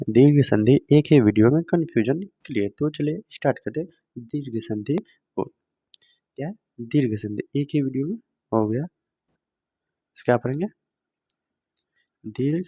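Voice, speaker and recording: A man's voice: mid-range voice, mellow. A man teaching grammar in a video lesson, asking the viewer questions and answering them himself, repeating each step. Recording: dull lo-fi sound.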